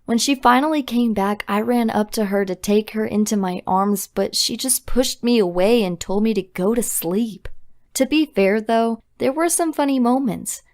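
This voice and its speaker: A woman's voice: fairly high pitch, darkish tone. Young woman telling a dramatic story. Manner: brisk, dramatic confessional telling. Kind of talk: scripted storytime narration.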